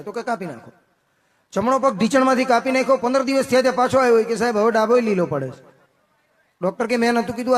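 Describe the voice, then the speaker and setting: A man telling comic stories at a folk festival, playing every part of each joke himself. His speaking voice sits unusually high, and he turns quieter and lower whenever he answers as himself. He speaks into a stage microphone. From Gujarat, India. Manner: tells jokes as dialogue, drops voice lower and quieter for his own replies. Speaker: stage comedian. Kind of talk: live folk comedy storytelling.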